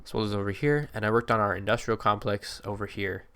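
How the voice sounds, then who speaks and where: A gameplay video creator gives casual, rambling commentary over a city-building game, full of fillers and self-corrections. His voice sounds slightly congested, as if stuffed up from allergies. It is on the low side, fairly bright, and clean, and he talks quickly.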